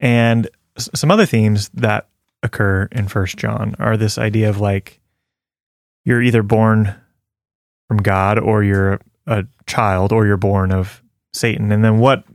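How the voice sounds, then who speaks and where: A man's voice: on the low side, fairly even intonation, a little slow, vocal fry, no echo, clean studio sound. A man co-hosting a casual faith talk, reading scripture aloud and chatting earnestly with many fillers and easy laughs. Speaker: podcast co-host sharing a devotional.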